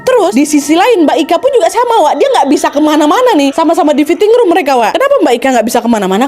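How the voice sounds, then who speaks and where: High-voiced Medanese woman telling ghost stories. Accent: Medanese Indonesian. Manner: expressive, chatty, addresses listeners directly. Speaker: host retelling listeners' horror stories. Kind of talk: casual dramatic ghost storytelling.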